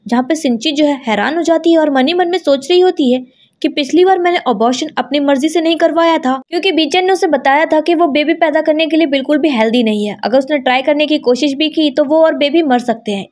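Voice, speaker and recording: Woman, high voice, drama recap narrator, brisk storytelling, close voice-over mic. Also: darkish tone. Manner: brisk retelling, quoting every character in her own voice.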